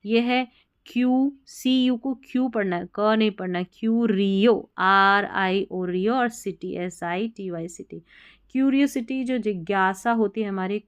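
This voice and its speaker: A woman's voice: medium pitch, unhurried, clean tone. A woman teaching English spelling and reading, spelling words out letter by letter, then explaining their meanings.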